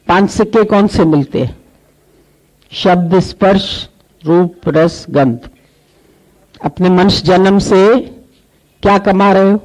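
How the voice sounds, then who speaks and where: A man giving a satsang sermon, telling a parable in a measured way and listing things one by one. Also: high-pitched, darkish tone, rough recording. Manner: measured, repetitive, lists in a slow rhythm. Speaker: spiritual preacher.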